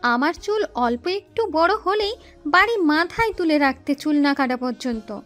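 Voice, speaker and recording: A woman's voice: high-pitched, expressive, normal speed, a bit bright, faint music behind, pitched above the performer's own voice. A woman voicing a young girl who talks like her cheeky old grandfather, with teasing, grumbling old-man talk.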